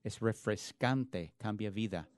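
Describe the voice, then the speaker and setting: A man's voice: fairly low pitch, slow pace, smooth, no room sound, clean studio sound. A man preaching a sermon in an earnest, emphatic way, often restarting words mid-phrase. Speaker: pastor.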